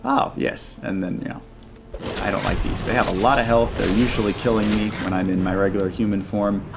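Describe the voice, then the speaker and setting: Man, fairly low pitch, casual game showcase host, chatty commentary, faint music behind. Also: level tone, fast talker. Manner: chatty, thinking aloud. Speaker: gaming channel host.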